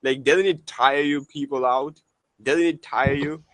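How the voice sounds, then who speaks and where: A man's voice: mid-range voice, steady tone, a little slow, fairly bright tone, dry recording, poor audio. A man in casual online voice chat, asking the same questions over and over in disbelief. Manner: incredulous, repeating questions. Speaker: voice chat debater.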